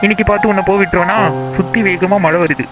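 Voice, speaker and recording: A man's voice: high-pitched, steady tone, fast talker, close to an everyday voice, rough recording. A man voicing an earnest young lover. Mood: coaxing. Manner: earnest, reassuring, coaxing. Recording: loud background music over dialogue.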